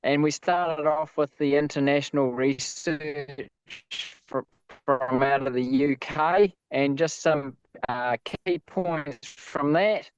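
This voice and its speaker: New Zealand farmer on glitchy call audio. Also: male voice, fairly high pitch, slow pace, smooth, no room sound. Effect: buzzy, glitchy video-call audio that breaks up. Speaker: farmer making a submission. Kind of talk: reading a formal submission. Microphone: video call. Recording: dull lo-fi remote call line, dry.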